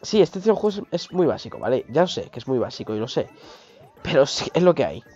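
A man, hoarse from a cold, giving excitable live gameplay commentary, swearing and yelping at mishaps. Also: medium pitch, fast talker. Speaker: streamer. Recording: dull lo-fi stream audio with game music.

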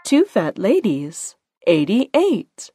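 A woman working as a bingo caller, announcing each call deliberately in short, separate phrases. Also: medium pitch, wildly swooping pitch, dark tone, breathy edge. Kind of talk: bingo calling with rhyming nicknames, announced number by number. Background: music.

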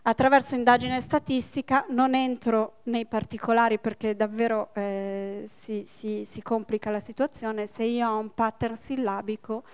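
A woman in her forties, a linguist giving a public lecture, explaining step by step with quick asides to the audience. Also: fairly high pitch, flat delivery, clean tone. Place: public library event hall.

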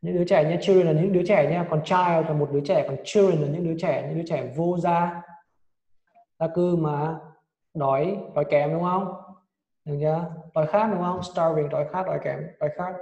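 A man teaching English vocabulary and correcting a student's pronunciation in a brisk, prompting way. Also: on the high side, steady tone, warm tone, dull audio. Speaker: English tutor. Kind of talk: vocabulary lesson with drills. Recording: echoey room with long reverb.

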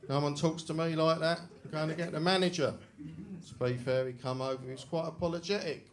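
A middle-aged man with a London accent doing a deadpan, self-deprecating stand-up set on a club stage, speaking into a handheld mic. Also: a little high, a little fast. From England. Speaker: stand-up comedian. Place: comedy club stage with a live audience. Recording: loud audience laughter in a club.

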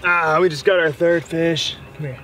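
Out on a lake at night in a small boat, a young man narrates his fishing vlog casually, chatty and cheerful while displaying what he's caught. He speaks at a moderate pace with a fairly high, steady voice that sounds bright and forceful. Music can be clearly heard in the mix.

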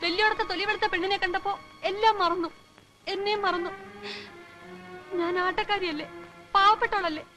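An actress playing a proud young dancer who speaks in a bitter, reproachful way. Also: female voice, very high voice, fairly even intonation, fairly quick, long pauses, music in the background, rough recording. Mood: angry. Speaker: film character. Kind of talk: 1990s film acting.

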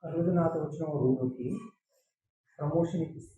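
A man's voice: on the high side, fairly even intonation, a little fast, warm tone, muffled recording, slight background noise, close to an everyday voice. A man playing a pushy male boss who keeps coaxing and pressing an employee, repeating his offers. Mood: insistent. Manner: insistent, coaxing, repeats himself. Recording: echoey room.

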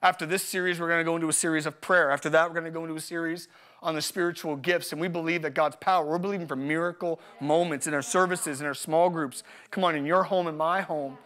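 A male pastor preaching a live church sermon, energetic and joking, repeating his key phrases for emphasis. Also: fairly high pitch, fast. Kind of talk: live sermon with personal stories. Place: church service.

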